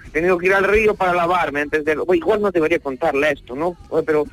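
An actor playing an earthy, flustered Catalan peasant in a radio comedy sketch, rambling and stammering apologetically. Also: male voice, on the high side, quick pace, a bit bright, lightly acted.

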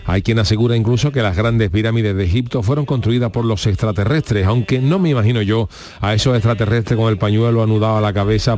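A man's voice: on the low side, darkish tone. A man hosting a radio comedy show, delivering humorous monologue and banter in a mock-serious, wry way.

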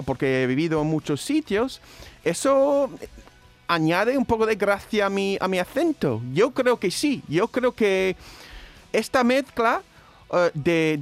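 Expressive man with a New York accent. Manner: expressive, opinionated, sweeping pitch. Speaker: panelist on a talk show. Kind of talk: casual chat.

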